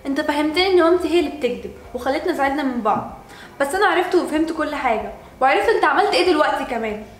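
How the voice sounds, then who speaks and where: A woman's voice: high-pitched, expressive, rapid-fire. A woman playing a hurt young girl who scolds her lying father, speaking with an Egyptian accent. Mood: reproachful. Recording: roomy room echo.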